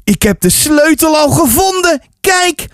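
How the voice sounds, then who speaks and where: A reader voicing an excitable young boy with a wild imagination in a children's storybook, high and shouting. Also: a little slow, no echo, studio quality. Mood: eager.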